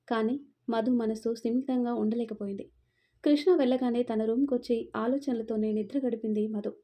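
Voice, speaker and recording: A woman narrating an audio story in a steady, expressive reading. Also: a little high.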